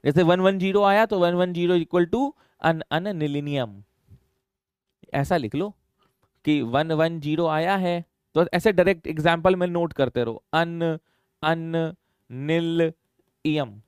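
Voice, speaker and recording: Chemistry teacher guy in class, crisp slightly high voice, teasing students, hindi english mix. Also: slow pace, long pauses, no echo, clean studio sound. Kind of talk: classroom lecture.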